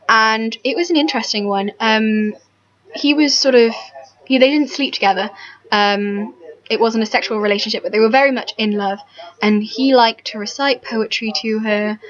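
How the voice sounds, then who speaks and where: A woman's voice: mid-range voice, fairly bright tone, muffled recording. A woman rambling casually about history to camera, self-deprecating, full of ums and restarts, sounding tired in the early morning. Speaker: history vlogger.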